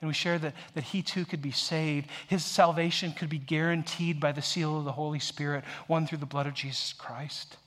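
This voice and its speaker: A man in his forties from the United States preaching a conversational sermon, moving from emphatic peaks to soft, hushed storytelling. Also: on the high side, fairly even intonation, normal speed, hardly any pauses. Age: 40s. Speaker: pastor.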